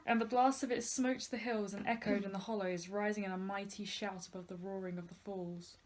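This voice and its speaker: A woman's voice: mid-range voice, fairly even intonation, fairly quick, rough recording. A woman reading a fantasy novel aloud as co-host of a casual read-along, breaking off to swear and joke.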